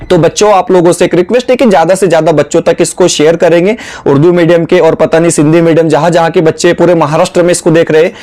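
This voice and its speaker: A man's voice: on the high side, fairly even intonation, fast, hardly any pauses, darkish tone. A man teaching an exam-prep lesson to students, explaining step by step and often slipping in filler phrases.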